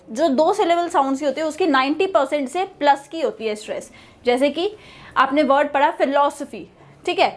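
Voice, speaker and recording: A woman teaching pronunciation, repeating each word slowly and explaining in Hindi. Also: high voice. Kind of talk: online language lesson.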